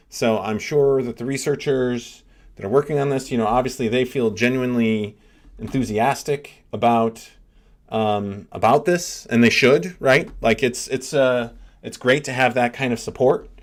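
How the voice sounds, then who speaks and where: A man's voice: medium pitch, normal speed. A middle-aged man hosting a live stream as a professor, giving casual reaction commentary and thinking aloud with lots of fillers. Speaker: livestream host, neuroscience professor.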